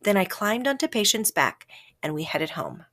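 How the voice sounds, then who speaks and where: Reading scripted narration from a children's story, this storybook reader uses a mid-range voice at a moderate pace. Her delivery is dramatic and expressive, changing up for effect.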